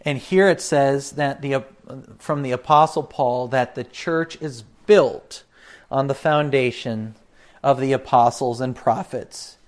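A pastor giving a catechism teaching talk, unhurried, with frequent fillers and asides to his listeners. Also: mid-range voice, steady tone.

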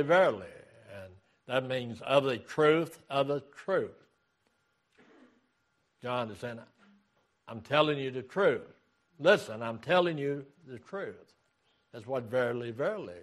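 A man preaching a sermon as pastor, reading scripture aloud and repeating key phrases in a deliberate way. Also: mid-range voice, animated, a bit bright.

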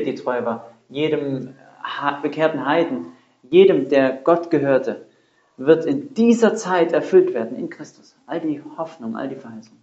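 A man's voice: mid-range voice, darkish tone. Male preacher, mid-range voice, earnest and emphatic; roomy, lo-fi church recording. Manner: earnest, emphatic, with rhetorical questions and repetition. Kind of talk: sermon. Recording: roomy, dull lo-fi sound.

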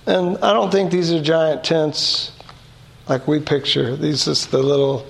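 A man's voice: a little high, fairly even intonation, a little slow, gravelly. A man, preaching a conversational sermon, reading scripture aloud and asking rhetorical questions. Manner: reads scripture aloud between comments. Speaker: pastor.

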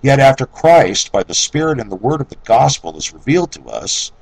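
A man reading an old devotional treatise aloud in a measured, solemn way, letting his voice sink low and soft on each scripture reference. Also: very animated, creaky, slightly rough, low-quality recording. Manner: occasional self-corrections while reading.

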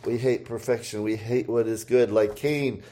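A man preaching a sermon, reading scripture aloud and rising in voice for the quoted shouts. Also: on the low side, fairly even intonation. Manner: slow, deliberate delivery with pauses and fillers.

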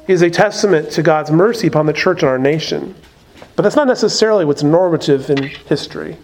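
Guy preaching a sermon, pretty high voice, chatty, keeps saying right?. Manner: conversational preaching, asides with "right?". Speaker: pastor.

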